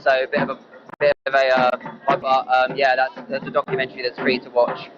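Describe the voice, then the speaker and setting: A man's voice: mid-range voice, completely flat delivery, brisk, noisy background. A man with an Essex accent speaking earnestly and hesitantly as an activist in a casual live interview. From Essex, England. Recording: muffled audio under loud music.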